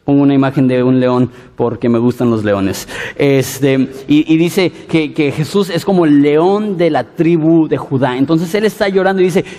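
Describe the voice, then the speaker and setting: A man preaching a Bible-teaching sermon in an expressive way, often stumbling and restarting words. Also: a little high, moderate pace, big-room sound. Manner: expressive, with frequent stutters and restarts.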